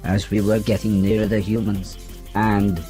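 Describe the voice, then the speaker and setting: A man voicing a wry adventurer who narrates his journey in a measured, scripted storybook style for a video game. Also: on the low side, level tone, over music, close to an everyday voice. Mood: measured, reflective. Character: adventurer recounting his journey home with a companion.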